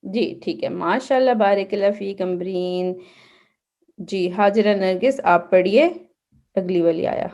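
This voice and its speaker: Her mid-range, darkish voice comes through on a lo-fi recording as she teaches children Quran and Seerah online. She corrects recitation with patience and keeps checking on her young students.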